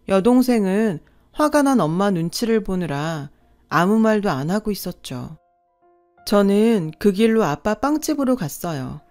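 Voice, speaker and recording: A woman's voice: medium pitch, darkish tone. A woman narrating a first-person radio story in a confiding tone.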